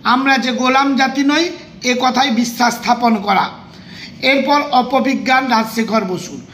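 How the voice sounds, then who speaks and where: A man's voice: extremely high pitch, measured pace, reverberant, slight background noise. A man with a West Bengal Bengali accent who teaches a coaching class, running through an exam revision lesson and reading terms and their meanings one after another. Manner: reads out terms and meanings in a steady list.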